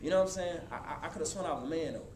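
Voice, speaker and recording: A man in his twenties giving a motivational talk to a live college audience, casual and animated, speaking straight to the crowd. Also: fairly high pitch, racing. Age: 20s. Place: college hall before an audience. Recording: echoey hall with room noise.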